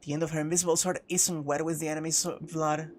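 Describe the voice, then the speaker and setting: Hosting a game playthrough, this woman reads a visual novel aloud and throws in casual, profane, joking comments. Her voice is low-pitched and a little mellow with little pitch movement, and she talks fast. Game music runs behind her, with slight background noise.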